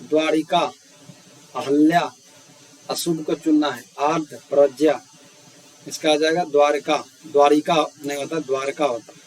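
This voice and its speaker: With a steady voice on the high side, a man teaches grammar at a measured pace, leaving long pauses. He works through a spelling quiz, reading each word and its answer options in turn and repeating the word. The recording is rough, with faint hiss.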